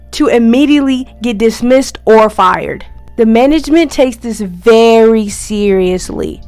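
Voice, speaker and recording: A young woman vlogger sharing friendly, encouraging tips as a first-year scare actor, in a chatty, upbeat way. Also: a little high. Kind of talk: friendly tips vlog, partly scripted.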